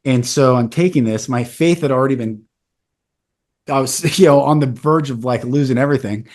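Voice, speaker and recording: A man in his forties hosts a podcast and tells a personal story, sounding earnest, candid and casual. His voice sits at a medium pitch, moves at a normal speed and has a slightly mellow quality.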